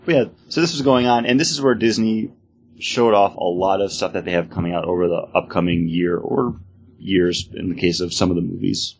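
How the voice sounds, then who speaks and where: Low, husky American man explaining enthusiastically. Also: brisk. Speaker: podcast co-host. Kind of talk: casual informative chat.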